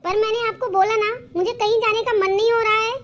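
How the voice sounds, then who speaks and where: A woman's voice: very high-pitched, steady tone, a little fast, a bit bright, dull audio. A woman voicing a stubborn, fed-up young wife in a cartoon. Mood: defiant.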